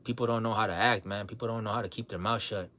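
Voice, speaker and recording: A man talking casually to his livestream audience, relaxed and blunt, sprinkling his talk with "man" and "bro", often repeating and restarting his words. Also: on the low side, quick pace. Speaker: livestream host.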